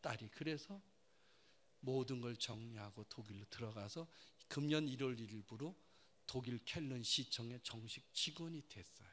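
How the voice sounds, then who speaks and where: A pastor in his fifties preaching a sermon in a church, telling stories with big emotional swings from hushed asides to near shouts. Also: mid-range voice, moderate pace. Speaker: pastor and professor. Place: church sanctuary.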